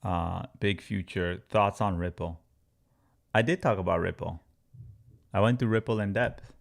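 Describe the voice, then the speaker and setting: A man's voice: sits low, a little slow, creaky. A man from Congo, a crypto trading educator, answering viewers' chat questions on a live stream with emphatic repetition and step-by-step chart talk.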